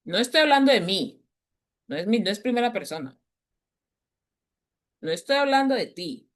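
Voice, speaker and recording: A woman teacher explaining grammar to a class, patiently repeating key points and slowing down to stress them. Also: medium pitch, sing-song. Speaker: English teacher.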